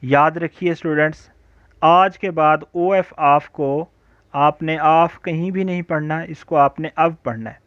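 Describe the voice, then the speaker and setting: A man teaching an English lesson, drawing out his example sentences slowly and deliberately. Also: fairly high pitch, no echo. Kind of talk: recorded spoken-English lecture. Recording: dull, lo-fi home recording.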